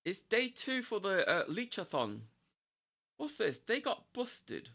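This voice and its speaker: Woman, boyish voice, animated intonation, forward bright tone, casual livestream chat, rambling broken phrases. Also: mid-range voice, takes it slowly. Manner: rambling, repeats and breaks off phrases. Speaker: live streamer.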